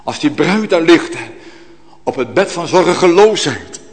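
A man delivers a sermon slowly and deliberately, his voice rising and falling across a wide range. He drops to hushed tones, then bursts out loudly, and a long church reverb trails after every phrase. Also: fairly high pitch, expressive. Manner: fervent, swinging from hushed to loud, frequent tag "hè". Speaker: preacher.

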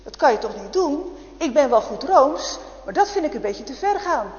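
A woman's voice: high voice, very animated, normal speed, roomy sound, long reverb tail, highs cut off, pitched above the performer's own voice. A woman voicing a kindly male innkeeper who talks his wife out of something. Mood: persuading. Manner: reasonable, persuading.

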